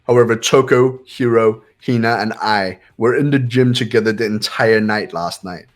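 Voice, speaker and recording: In amateur visual novel voice acting, a man with a lowish voice plays a cool, commanding young man who questions and explains in a formal way. The delivery is moderate in pace, lightly acted, matter-of-fact and superior. Faint music sits behind him.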